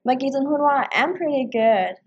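A woman co-hosting a casual language-learning podcast, explaining in a friendly way with soft "uh-huh" fillers. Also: high-pitched, lively intonation, unhurried, dull audio, a little hiss or hum. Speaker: podcast co-host and English teacher. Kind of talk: casual bilingual podcast chat.

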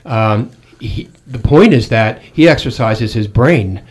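A man with a middle-of-the-road voice hosts a chatty talk show. He keeps things moving with warm agreement and short reactions, then settles into longer stretches of easy storytelling. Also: medium pitch, animated. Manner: encouraging, quick to chime in with agreement. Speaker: host. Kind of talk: casual radio chat.

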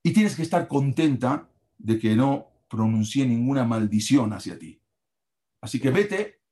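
A man's voice: mid-range voice, expressive, a little slow, dark tone, lightly acted. A man voicing a wealthy older father who angrily forbids his daughter's marriage and disowns her, in a commanding, indignant manner. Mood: stern.

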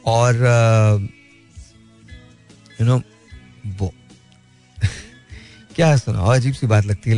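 A man's voice: mid-range voice, a little mellow. A man talking in a casual, reflective way, earnest and mixing in English phrases. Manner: earnest, mixes in English phrases, laughs lightly. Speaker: speaker sharing life views.

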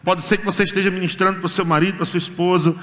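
Brazilian male pastor, high voice, fervent sermon with pauses, long reverb of a big hall. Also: flat delivery, pushed and bright. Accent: Brazilian Portuguese. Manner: preaching with rising fervor and pauses.

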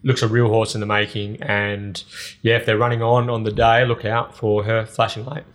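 An Australian man hosting a racing podcast, running through the field in a steady, chatty way. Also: fairly low pitch, normal speed. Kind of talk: casual racing preview chat.

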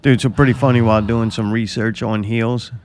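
A man's voice: mid-range voice, steady tone, fairly quick, darkish tone. A man co-hosting a podcast, ranting in casual, profane, joking chat. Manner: profane, joking, drawling rants. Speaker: podcast co-host.

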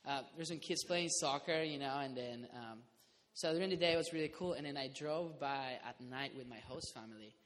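A man's voice: mid-range voice, brisk, hardly any pauses, a bit bright. A young man from Costa Rica chatting casually in a group, rambling with fillers and laughing often. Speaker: community house resident. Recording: reverberant room, faint noise.

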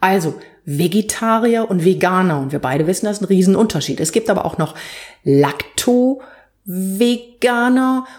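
A woman's voice: fairly low pitch, quick pace, hardly any pauses, darkish tone. A woman hosting a podcast, presenting and chatting in a structured, explanatory way with vivid examples. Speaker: podcast host.

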